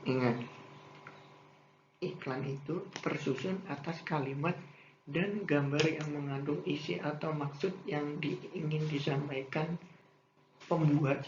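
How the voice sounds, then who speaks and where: A man talks a school lesson through in a slightly high voice, steady and explanatory, with "nah" and "eh" between points. The sound is muffled and echoey, with a faint hiss behind it. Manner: steady explaining pace, frequent "nah" and "eh" fillers. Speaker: teacher. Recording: roomy, dull, faint room hiss.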